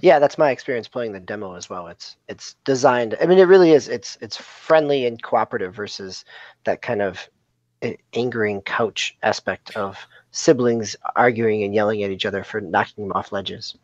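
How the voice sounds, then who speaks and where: A man's voice: on the low side, moderate pace, dry recording. Lo-fi podcast guy asking questions. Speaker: podcast co-host. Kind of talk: casual gaming chat. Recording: dull lo-fi mic.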